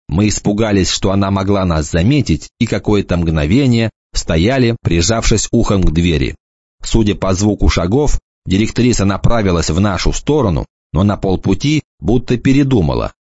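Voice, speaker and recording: A man narrates an audiobook with a measured delivery, his pitch moving freely through the sentences. The recording is very dry and slightly dull, with no room sound. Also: a little mellow, no room sound. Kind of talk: scripted narration.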